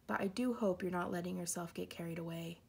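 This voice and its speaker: Woman voicing gentle, cautious Mama Bear. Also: fairly low pitch, steady tone, quick pace, creaky, breathy edge, heavily acted. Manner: soft, gently warning.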